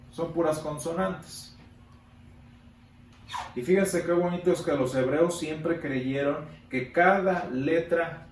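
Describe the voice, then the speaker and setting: A man teaching a Sunday school Bible class, emphatic, repeating words for stress and pausing on fillers. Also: a little high. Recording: echoey room from a distance, faint background noise.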